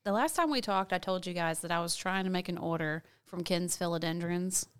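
A woman's voice: fairly low pitch, a little fast, clean tone. A woman chatting casually to viewers like a video blogger telling a story, gossipy and candid, stressing points by repeating words.

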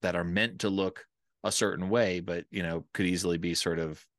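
A man with an American accent and a low voice asks questions in a relaxed interview format. He rambles and thinks aloud. The recording is dry, with little room sound. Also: normal speed, no echo. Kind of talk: casual conversational interview.

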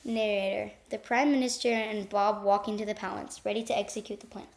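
A woman's voice: medium pitch, level tone, fairly quick, vocal fry. A woman narrating an amateur radio play, announcing scenes in a plain, matter-of-fact way.

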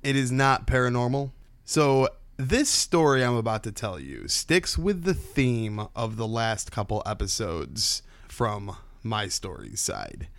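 A man's voice: medium pitch, big pitch swings, a little slow, smooth, no room sound. Man telling stories casually, dry close sound. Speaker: podcast host. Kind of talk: casual conversational storytelling.

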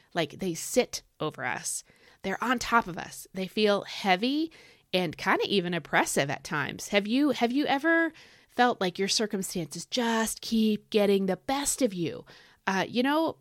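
A woman's voice: mid-range voice, no echo, studio quality. A woman giving an informal devotional talk, exhorting listeners in an emphatic, conversational way and repeating key phrases.

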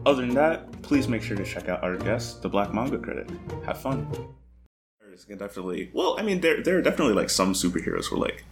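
Lively, low-voiced male podcast host. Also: fast, music in the background. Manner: giggly, rambling with many "like"s. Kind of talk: casual chat.

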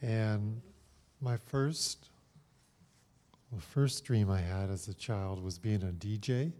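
A man calmly sharing his childhood dreams with a group. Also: fairly low pitch, takes it slowly.

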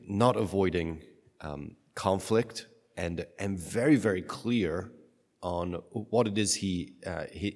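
A man speaking as a priest in church, reading scripture and preaching reflectively, his voice carried in a cathedral echo. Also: low voice. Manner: reflective, halting, thinking aloud. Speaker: priest giving a homily. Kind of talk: liturgical Gospel reading and unscripted homily. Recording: long cathedral-like echo of a large space.

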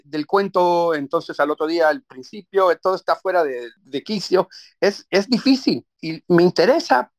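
A man's voice: fairly high pitch, no echo. A middle-aged man from Puerto Rico with a Puerto Rican Spanish accent, a stage actor answering interview questions, telling his story reflectively with many restarts.

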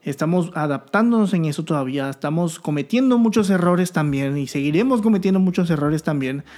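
A man's voice: a little high, lively intonation, a little fast, darkish tone. A young man, a new father, talking earnestly and candidly to his viewers in a casual vlog. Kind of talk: casual vlog talk to camera.

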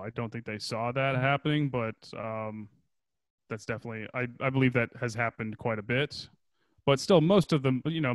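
A man's voice: mid-range voice, no room sound. A man who is a former producer and now a day trader, chatting casually and rambling as a podcast guest, swearing freely.

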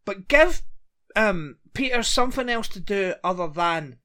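A man's voice: sits high, lively intonation, sharp tone. A man, chatting casually and rambling a little as he recaps a TV episode as a podcast co-host. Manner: chatty, rambling, quick to laugh.

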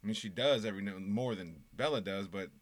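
A man co-hosting a podcast in casual chat, relaxed and joking, swearing easily and laughing often. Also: fairly low pitch, fast, no room sound. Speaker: podcast co-host.

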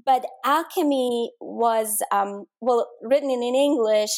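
Chatty higher-pitched woman guest. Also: unhurried, darkish tone. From Denmark. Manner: chatty, repeats words while searching for phrasing. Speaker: guest, cake business owner. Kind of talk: casual podcast interview.

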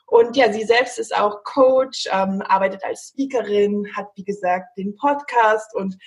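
A woman's voice: medium pitch, a little slow. A woman hosting a podcast, welcoming her guest in an effusive, gushing way. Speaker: podcast host. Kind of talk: casual podcast interview.

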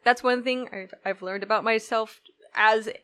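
A woman talking casually as a podcast guest, animated, with frequent laughs and quick asides. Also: on the high side, clear, resonant tone, no room sound, studio quality.

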